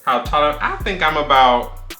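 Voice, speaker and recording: Sassy, playful man in his thirties co-hosting casual chat, bright voice. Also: on the high side, expressive, measured pace. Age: 30s. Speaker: YouTuber, co-host. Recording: echoey room with faint music.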